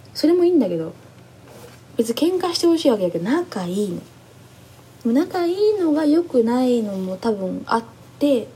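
A young woman chatting excitedly as she recaps a reality show, animated and acting out what people said. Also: on the high side, slight background noise. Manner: gushing, animated, acts out quotes. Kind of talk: excited casual recap chat.

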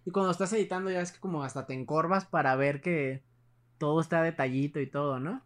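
A man's voice: a little high, fast talker. A young man with a Mexican Spanish accent, casually telling a ghost story in a rambling, slangy way with many restarts.

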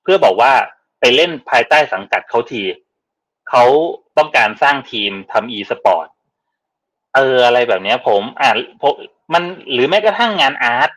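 A man speaking as a guest on a panel, in casual and animated talk, often repeating words as he gets excited. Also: medium pitch, low-quality recording.

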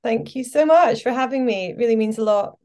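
A woman's voice: on the high side, brisk, a little mellow. A Scottish woman in her forties, a podcast guest chatting casually and telling her story with lots of fillers. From Scotland. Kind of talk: casual interview chat.

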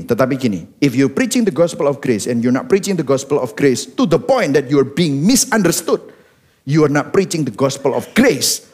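A man preaching a sermon as pastor, animated, leading the congregation in reading and dropping in English phrases. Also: a little high. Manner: mimics congregants' reactions in quoted asides.

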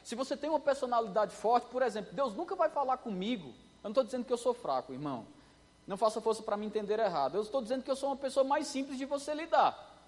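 A man preaching a sermon, telling a story in an animated way and acting out the voices. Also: very high-pitched, fast talker, in a large hall.

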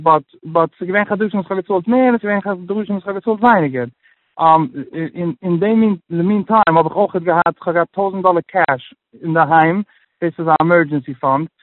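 Male interview guest, higher-pitched, hesitant with lots of restarts and English mixed in, phone-line quality. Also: no room sound. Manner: halting, many restarts, mixes in English phrases. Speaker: guest sharing his personal budgeting story. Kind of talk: casual interview chat.

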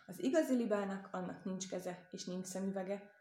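A woman reads as a patient old storyteller, his voice hushed and gentle as he explains things to a child. The room lends an echo. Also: mid-range voice, lightly acted.

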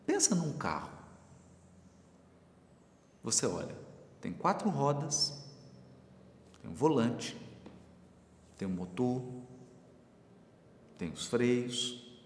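Lively gravelly-voiced male teacher. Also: medium pitch, drawn-out words, long pauses. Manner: explains with everyday examples and questions to listeners. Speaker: Bible study teacher. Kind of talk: spiritual teaching talk. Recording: echoey hall with faint room noise.

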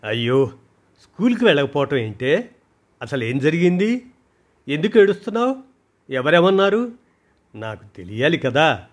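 A man's voice: mid-range voice, normal speed, long pauses, lightly acted. A man voicing an anxious, caring mother who fires off coaxing questions. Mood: worried.

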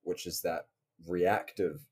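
A man explaining research as an interview guest, measured and careful in how he puts things. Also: low voice, fairly even intonation, darkish tone, husky. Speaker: podcast guest, researcher and online coach.

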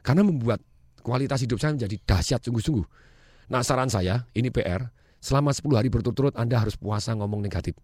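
Fast-talking energetic motivational speaker, man. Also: medium pitch, dry recording, clean studio sound. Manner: energetic, emphatic, mixes English phrases, laughs. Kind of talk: motivational talk.

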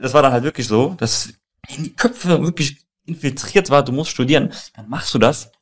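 A young German man, born in Iran and raised in Mannheim, is a co-founder and co-host who tells personal stories casually and emphatically, in colloquial language, speaking directly to the listener. His voice is mid-range at normal speed.

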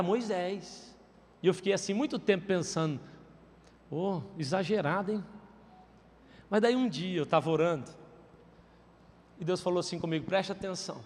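A man's voice: very high voice, long reverb tail. A man preaching a sermon as pastor, emphatic, with rhetorical questions to the congregation.

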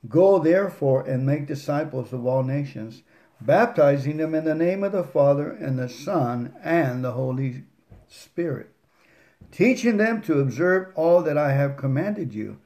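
A man leading a Mass, reading scripture in a solemn, measured, declamatory way, phrase by phrase. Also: on the high side, expressive, mellow. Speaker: minister leading a Mass service. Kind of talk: solemn liturgical scripture reading with sung hallelujah refrains.

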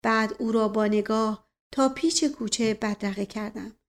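A woman narrating a novel as an audiobook, in an expressive, measured reading. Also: on the high side.

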